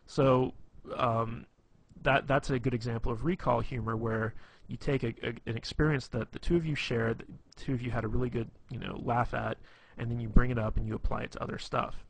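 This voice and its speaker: A man's voice: mid-range voice, steady tone, brisk, gravelly, slight background noise. A man explaining how to be funny with girls in a loose, rambling tutorial, full of fillers and restarts. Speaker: dating advice instructor. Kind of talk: casual tutorial talk.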